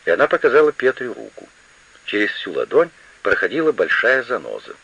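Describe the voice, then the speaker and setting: A man narrating a novel in an expressive, animated reading style, on a muffled lo-fi radio recording. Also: medium pitch, a little fast, vocal fry, breathy edge. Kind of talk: literary audiobook narration.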